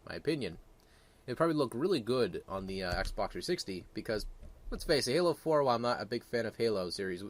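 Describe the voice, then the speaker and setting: A man giving casual, opinionated gaming commentary in a crude, blunt, rambling way, often correcting himself. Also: mid-range voice. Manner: rambling, self-correcting delivery.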